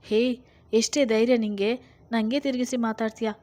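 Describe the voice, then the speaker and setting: A bitter, drunken father who shouts and curses at his wife and daughters, voiced by a woman reading the story aloud. His voice sits at an ordinary pitch, harsh and loud, like a scene in a spoken storybook. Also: steady tone, normal speed, dry recording, close to an everyday voice. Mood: furious. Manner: shouting, insulting. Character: angry drunken middle-aged father.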